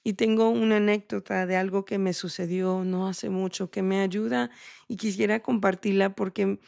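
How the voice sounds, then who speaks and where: A woman giving a devotional teaching, earnest, slow and prayerful, with frequent restarts. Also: medium pitch, steady tone, gravelly, darkish tone, no room sound, clean studio sound. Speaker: podcast host sharing a devotional.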